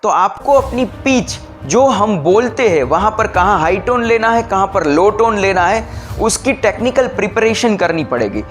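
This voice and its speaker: A man giving a public speaking lesson, explaining slowly and deliberately. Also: high-pitched, expressive, a bit bright, soft background music. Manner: slow, deliberate explaining, mixing English phrases. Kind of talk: bilingual training talk.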